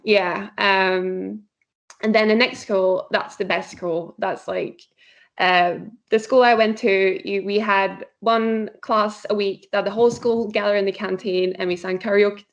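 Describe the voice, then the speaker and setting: A woman in her thirties from Norway, a nutritionist chatting as a podcast guest in a relaxed way with many fillers. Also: medium pitch, unhurried. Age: 30s. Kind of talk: casual chat. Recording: slightly dull lo-fi podcast audio.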